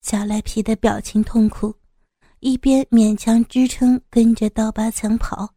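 A woman narrating a gritty action story in a steady, vivid, suspenseful reading style. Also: fairly high pitch, a little slow, dry recording, clean studio sound. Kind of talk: dramatic audiobook narration.

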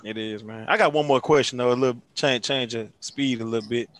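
A man's voice: mid-range voice, a little fast, no echo. Man laid-back slangy host, dry close sound. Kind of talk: casual podcast chat.

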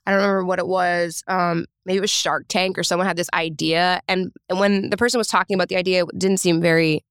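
A woman's voice: lowish voice, level tone, fast talker, a bit bright, clean tone, no room sound, clean studio sound. A woman guest chatting casually on a podcast, trailing off and restarting her thoughts. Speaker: musician guest. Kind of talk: casual chat.

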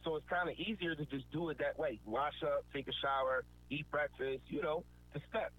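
Over a tinny line that sounds like a phone, with faint background noise, a motivational speaker delivers an earnest, preachy talk. His voice is on the high side, moderately paced, and he repeats points for emphasis.

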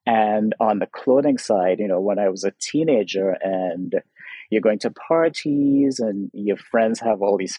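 A husky, slightly low-voiced man in his fifties talks through an interview in a thoughtful, earnest way. His voice is recorded close and dry, with no room around it. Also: mellow, dry recording, poor audio. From Trinidad. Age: 50s. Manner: thoughtful, earnest, leans on "sort of" and "you know". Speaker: guest artist. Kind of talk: reflective interview talk.

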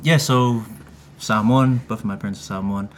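A man's voice: fairly low pitch, steady tone, moderate pace, slight background noise. A man with a New Zealand accent, a jokey, self-deprecating podcast guest who laughs easily. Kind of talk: casual interview chat.

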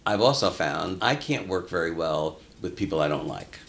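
A man who works as an elder care consultant, talking in a measured, anecdotal way in a casual interview. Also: low voice, expressive, vocal fry, fairly bright tone.

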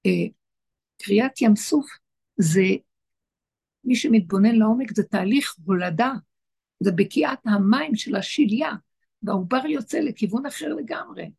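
A woman's voice: on the high side, animated, gravelly, long pauses, mellow, slightly rough. A woman giving an impassioned spiritual teaching to a group, repeating her phrases for emphasis. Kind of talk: Torah teaching to an online group.

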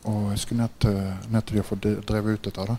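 Lively, low-voiced man preaching. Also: a little hiss or hum. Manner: keeps asking listeners "right?"; laughs often while telling stories. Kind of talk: sermon with animated storytelling.

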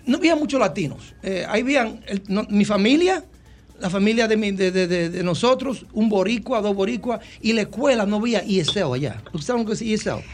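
A man with a Dominican accent, a guest telling animated stories with many restarts and repetitions. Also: high voice, brisk. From Dominican Republic. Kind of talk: casual storytelling interview.

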